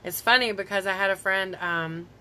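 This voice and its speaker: Chatty woman on a bright live stream. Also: medium pitch, normal speed. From Tennessee. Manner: chatty and rambling, laughs often, reacts to viewer comments. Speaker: beauty vlogger hosting a live stream. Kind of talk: casual live-stream chat. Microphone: phone.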